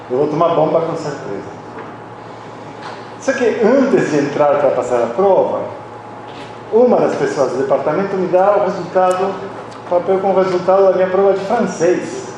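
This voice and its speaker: A middle-aged man delivers a reflective, confessional philosophy lecture with a slightly high voice. He is caught from well back in a strongly reverberant hall, and a steady background noise sits under his words. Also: brisk. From Argentina. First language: Spanish. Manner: reflective and confessional, with frequent restarts. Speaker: conference speaker, philosophy professor. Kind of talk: personal academic lecture. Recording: very echoey hall, voice from a distance, audible background noise.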